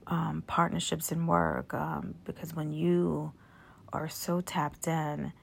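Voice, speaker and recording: A woman hosting her own podcast straight from bed, talking softly and haltingly in her groggy morning voice, with many fillers and restarts. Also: low voice, gravelly, husky. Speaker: podcast host. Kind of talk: casual solo podcast talk. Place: bedroom, in bed. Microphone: phone app.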